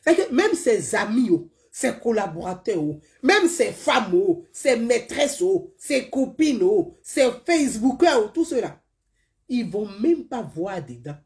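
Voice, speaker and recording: Very animated and a little high-pitched, a woman from Côte d'Ivoire comments on politics during a casual live stream, her Ivorian French accent clear. She speaks at a measured pace, emphatically and repetitively, often letting sentences fade off softly.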